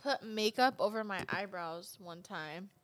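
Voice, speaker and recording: A woman's voice: mid-range voice, unhurried, a bit bright, dry recording. A woman co-hosting a podcast, retelling a story with giggles in casual chat. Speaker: podcast co-host.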